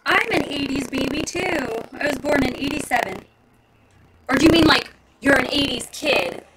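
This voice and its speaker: A woman's voice: high-pitched, normal speed, distant mic, noisy background. A woman in her thirties chatting casually and rambling with her viewers, laughing often. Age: 30s. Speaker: vlogger. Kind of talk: casual live chat with viewers. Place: home with street traffic outside.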